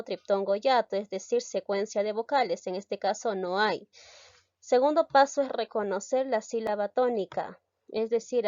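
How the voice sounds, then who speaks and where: A woman's voice: medium pitch, mellow, no room sound, muffled recording. A woman teaching a grammar lesson, explaining step by step and stressing key syllables.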